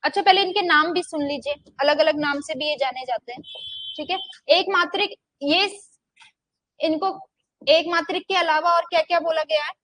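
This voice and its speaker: High-voiced woman teaching in a dry room. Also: moderate pace, fairly bright tone, no room sound. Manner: asks the class questions and answers them herself, repeating "ठीक है". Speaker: Hindi teacher. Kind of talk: classroom lecture.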